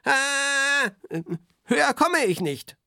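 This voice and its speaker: A man's voice: sits high, very animated, unhurried, a bit bright, no echo, clean studio sound, pitched above the performer's own voice, heavily acted. A man voicing a friendly, clueless grown-up mail carrier who is eager and a little self-important in a children's bedtime story. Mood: fussy.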